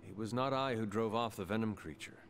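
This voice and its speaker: An actor playing a calm, solemn man in a video game, speaking formally and in a measured way without contractions. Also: on the low side, faint music behind, lightly acted.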